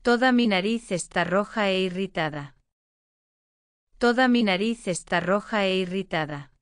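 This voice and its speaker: Speaking into a close mic, a woman reads short language-lesson phrases aloud twice each, enunciating carefully. Her medium-pitched voice is clear and resonant, her pace measured, and there is no echo.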